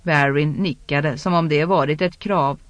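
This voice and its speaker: A measured audiobook narrator reading a fantasy novel at a mid pitch. The recording is dry and close, with no room sound at all. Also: dry recording, dull audio. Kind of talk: scripted narration.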